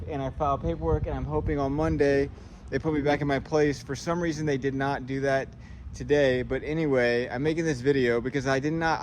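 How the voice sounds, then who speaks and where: A man's voice: on the high side, a little mellow, a little hiss or hum. A man vlogging on his phone outdoors in a city square, talking in an upset, rambling, repetitive way. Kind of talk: casual selfie vlog.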